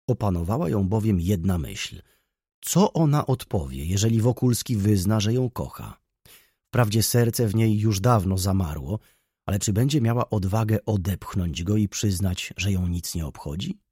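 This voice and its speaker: A man reads a literary novel aloud with expressive storytelling. His low, slightly husky voice rises and falls widely, and the recording is dry and close. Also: no room sound. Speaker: audiobook narrator. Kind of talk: scripted literary narration.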